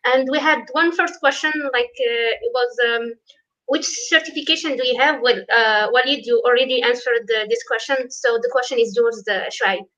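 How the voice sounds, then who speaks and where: A woman's voice: on the high side, normal speed, bright, forceful tone, lo-fi sound. A woman co-hosting an online panel, speaking politely and a little hesitantly. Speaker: co-host. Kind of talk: casual online panel chat.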